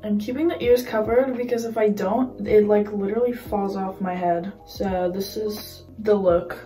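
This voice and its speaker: Vlogging informally indoors, the young adult woman speaks at a normal pace in a mellow, mid-range voice with a steady tone. The bare apartment room echoes, the mic sits away from her, and music plays in the background.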